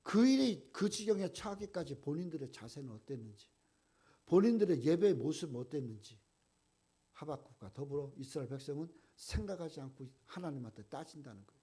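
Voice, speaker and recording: A male pastor preaching a sermon, swinging from loud outbursts to hushed lines and acting out people's complaints in a raised voice. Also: fairly high pitch, lively intonation, brisk, slightly rough. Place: church sanctuary.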